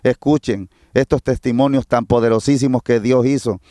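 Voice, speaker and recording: A man's voice: medium pitch, steady tone, moderate pace, warm tone, no room sound, studio quality. A middle-aged man from Mexico with a Mexican Spanish accent, preaching a fervent, repetitive testimony on a livestream.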